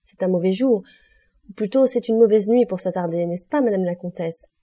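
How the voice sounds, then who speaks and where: A woman's voice: medium pitch, moderate pace, dark tone, close to an everyday voice. A woman voicing a genial, urbane duke hosting a ball, in an audiobook. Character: genial older male duke, urbane host.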